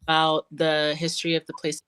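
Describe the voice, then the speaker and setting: A woman from Cameroon, a comic creator, answering interview questions in a thoughtful, measured way over a video call. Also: low-pitched, completely flat delivery, a bit bright, clear, resonant tone, dry recording.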